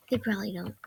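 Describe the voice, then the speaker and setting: Her voice is mid-range and gravelly, belonging to a teenage girl who is ill and losing her voice while commentating on a computer game for her gaming channel. She's hesitant and rambling, frequently fading into soft mumbles. The computer microphone used for screen recording catches loud background noise and clicking.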